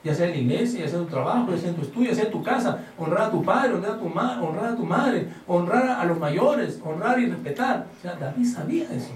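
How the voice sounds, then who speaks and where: A man's voice: sits high, quick pace, hardly any pauses, slight background noise. A man preaching a sermon, acting out Bible stories and asking the congregation questions. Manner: animated storytelling, acting out Bible scenes. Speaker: pastor. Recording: echoey hall, mic from a distance.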